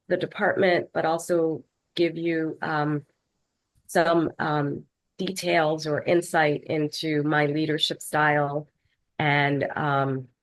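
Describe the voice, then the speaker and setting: A woman leading a health department, presenting slides to a board over a video call in a measured way with frequent fillers. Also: deep voice, low-quality recording. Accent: Philadelphia. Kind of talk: formal online meeting presentation.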